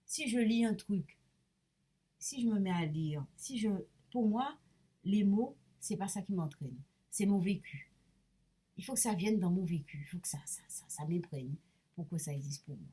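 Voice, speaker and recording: A middle-aged woman telling about her experiences in a rambling personal vlog, hesitant and full of restarts, sometimes dropping to a soft murmur. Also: medium pitch, expressive, moderate pace, slightly rough. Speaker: medium vlogger. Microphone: camera mic.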